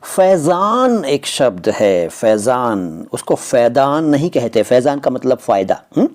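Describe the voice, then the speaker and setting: A man's voice: mid-range voice, expressive, normal speed, mellow. Indian man explaining word pronunciation. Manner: argumentative, repeats points with rhetorical questions. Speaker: language teacher.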